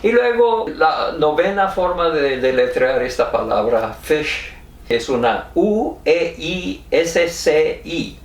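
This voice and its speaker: American guy explaining spelling slow, letters one at a time, roomy sound kinda far off. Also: a little high, expressive. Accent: American English. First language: English. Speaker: teacher.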